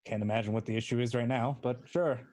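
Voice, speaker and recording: Measured, dry man role-playing a captain. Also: medium pitch, steady tone, darkish tone. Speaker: tabletop player playing a ship captain. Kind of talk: casual in-character game chat.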